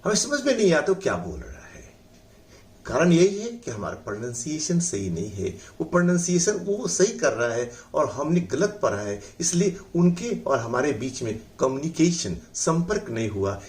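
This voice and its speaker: A middle-aged man with a Bihari accent teaching an English pronunciation lesson, saying words slowly syllable by syllable, repeating them, and often adding "है ना". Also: mid-range voice, very animated, darkish tone. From India. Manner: uses the filler "है ना".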